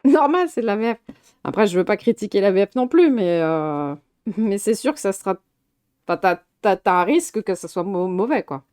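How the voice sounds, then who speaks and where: A woman's voice: mid-range voice, sing-song, moderate pace, darkish tone, clear, resonant tone. Chatty woman streamer, laughing often. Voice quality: laughs often, swears casually. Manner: chatty, rambling with restarts, reacting to chat. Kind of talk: casual live-stream film chat.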